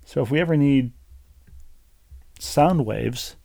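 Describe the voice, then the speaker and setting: A man's voice: mid-range voice, slow pace, vocal fry, warm tone, no echo. A man co-hosting a casual podcast, reading listener letters aloud with chatty asides. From Minnesota. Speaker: podcast co-host.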